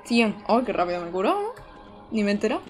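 A woman's voice: mid-range voice, sing-song, very fast, soft background music. A young woman, chatting to her viewers while playing a game live. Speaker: streamer. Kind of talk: live gameplay commentary.

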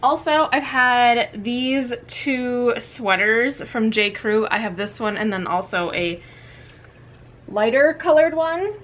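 A woman's voice: fairly high pitch, animated, slow, a bit bright. A young woman vlogging casually in a small walk-in closet, talking to a camera on a tripod a few feet away, with lots of "like" and "you know". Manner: chatty, filler-heavy, candid. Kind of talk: casual closet clean-out vlog.

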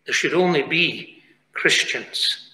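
British preacher guy, high bright voice, earnest pleading sermon, big echoey chapel. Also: lively intonation, takes it slowly. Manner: earnest pleading, swinging between quiet asides and raised emphatic lines. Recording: echoey chapel with long reverb.

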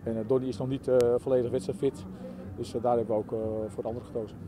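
A football coach from the Netherlands gives a quick post-match interview outdoors, his words tumbling out in halting bursts full of fillers. His voice is mellow and rapid, with faint traffic noise behind him. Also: medium pitch, little pitch movement. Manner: halting, many fillers and restarts.

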